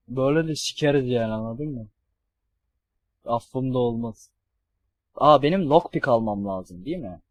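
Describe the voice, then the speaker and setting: A young man streaming a horror game, swearing and yelling at the enemies on screen. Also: mid-range voice, lively intonation, measured pace, long pauses, no echo. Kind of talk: let's play commentary.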